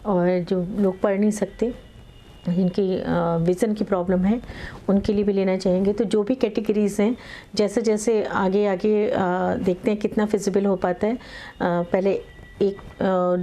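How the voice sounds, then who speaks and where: A middle-aged woman lawyer explaining a project in an interview, speaking in a measured way with many pauses and English legal terms. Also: mid-range voice, dark tone.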